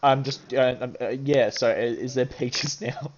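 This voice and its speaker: A man's voice: medium pitch, steady tone, a little hiss or hum. Man playing a tabletop game on a dull mic. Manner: casual, halting. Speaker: player.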